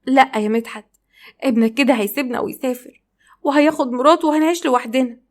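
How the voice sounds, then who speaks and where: A woman's voice: sits high, fast talker, pitched above the performer's own voice, lightly acted. Woman voicing an anxious middle-aged Egyptian mother. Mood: pleading. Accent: Egyptian Arabic.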